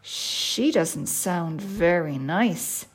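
A woman's voice: lowish voice, expressive, very slow, husky, full character voice. A woman voicing a polite, innocent little girl in a children's fairy tale. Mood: disapproving.

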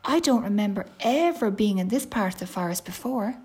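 A woman's voice: medium pitch, lively intonation, brisk, darkish tone, slightly rough. A woman voicing a polite, innocent little girl in a children's fairy tale. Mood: curious.

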